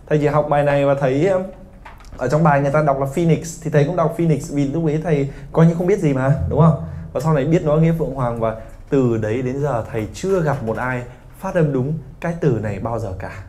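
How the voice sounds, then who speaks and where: A man in his thirties from Vietnam teaching an English pronunciation class, lively and teasing his students. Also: on the high side, quick pace. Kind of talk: classroom lesson.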